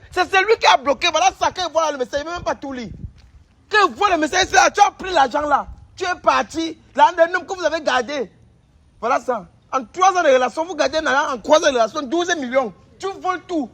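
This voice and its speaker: A man's voice: extremely high pitch, quick pace, fairly bright tone. A man playing a traditional healer who scolds and accuses, repeating his lines over and over. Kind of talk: staged confrontation sketch.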